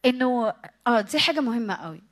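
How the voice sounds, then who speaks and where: A middle-aged woman with an Egyptian Arabic accent preaches a sermon to a youth meeting in a slightly high voice, speaking fast. She's animated, acting out her listeners' excuses, and drops to a hushed whisper when she prays.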